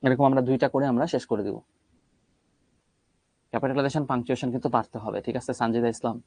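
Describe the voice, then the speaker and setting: A man's voice: medium pitch, steady tone, fast, a little mellow, no room sound. Patient man teaching English grammar. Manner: explains step by step, asks and answers his own questions. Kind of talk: online class teaching.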